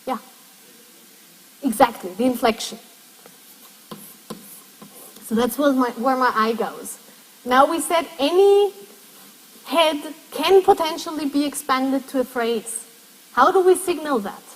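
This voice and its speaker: Woman, university lecturer, high-pitched, step-by-step questioning, reverberant lecture hall. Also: animated, slow pace, pauses often. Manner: explains step by step, asking the class questions. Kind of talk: classroom lecture. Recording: long echo of a lecture hall.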